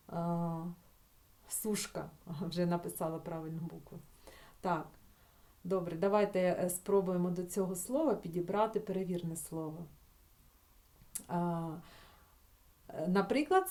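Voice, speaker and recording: A woman teacher patiently explaining spelling rules in a recorded lesson for schoolchildren, stretching example words out slowly and checking in with the class. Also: fairly low pitch, dark tone. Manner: talks the class through with filler sounds and checking "так?".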